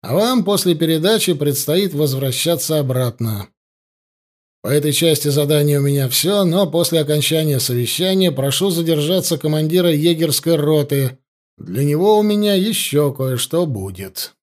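A man narrating an audiobook in a steady, measured reading voice, voicing the officers' speeches. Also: fairly high pitch. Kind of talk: scripted narration.

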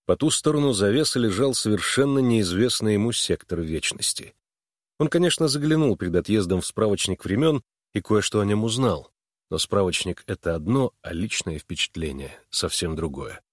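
Low-voiced man reading a novel aloud. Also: animated, normal speed, dry recording, studio quality. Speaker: audiobook reader. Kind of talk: scripted narration.

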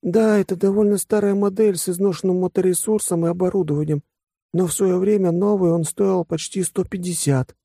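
A man's voice: high-pitched, steady tone, a little fast, creaky, warm tone, no echo, clean studio sound, pitched above the performer's own voice. A man voicing an eager, precise male sidekick in an audiobook, in a raised, fussy voice. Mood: matter-of-fact.

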